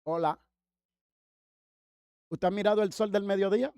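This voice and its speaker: A male pastor preaching a sermon, lively, asking the congregation questions and acting out quotes. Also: high voice, moderate pace, clear, resonant tone, no echo. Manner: lively, talks to congregation by name, acts out quotes. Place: church.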